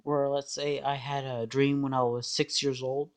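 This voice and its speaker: A man giving a casual explanatory monologue in a hesitant, halting way, often trailing off. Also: mid-range voice, level tone, clear, resonant tone.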